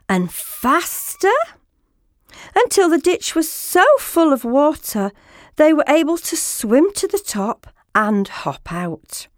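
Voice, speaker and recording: A woman reading a children's story aloud as a storyteller, slow and deliberate. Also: a little high, no room sound, clean studio sound.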